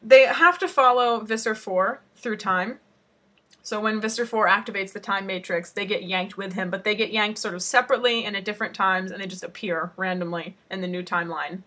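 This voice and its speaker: Woman, podcast co-host, bright tone, casual book chat, thinks aloud. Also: medium pitch, fairly even intonation, fairly quick. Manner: chatty, thinks aloud with fillers.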